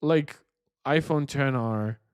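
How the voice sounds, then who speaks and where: This livestreaming tech host has a smooth, medium-pitched voice and takes things slowly as he addresses viewers directly, mixing casual chat with opinionated reaction commentary. His audio is clean, studio-grade and echo-free.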